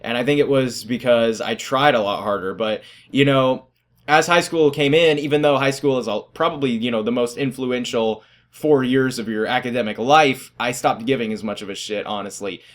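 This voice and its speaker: A man's voice: mid-range voice, normal speed. A teenage boy casually telling stories about his school days, rambling and self-deprecating, often laughing at himself. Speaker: vlogger. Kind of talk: casual storytelling.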